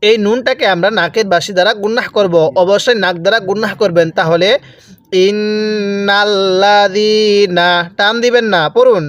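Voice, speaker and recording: A man teaching Quran reading in Bengali, stretching each recited word slowly and then explaining quickly, with a Bangladeshi accent. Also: sits high, a bit bright. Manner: drawn-out recited words between quick explanations. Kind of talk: slow spelled-out Quran reading lesson.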